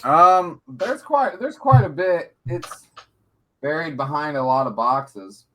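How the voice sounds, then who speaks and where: Podcast cohost dude, joking around, easily stoked. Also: male voice, a little high, takes it slowly, slight background noise. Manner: jokey, excitable, laughing. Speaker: podcast co-host. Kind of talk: casual chat.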